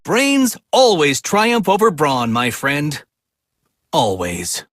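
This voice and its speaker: A man's voice: on the high side, huge pitch swings, takes it slowly, fairly bright tone, heavily acted. A man voicing an arrogant genius riddle-master villain with a pompous, condescending, theatrical manner. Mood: smug, scornful. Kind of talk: villain character acting.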